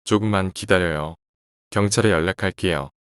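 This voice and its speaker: A man voicing a calm, polite stranger who turns out to be a cold killer, in a horror story told in a quiet, composed way. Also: low-pitched, normal speed, smooth, no room sound, studio quality. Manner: quiet, composed, chillingly casual.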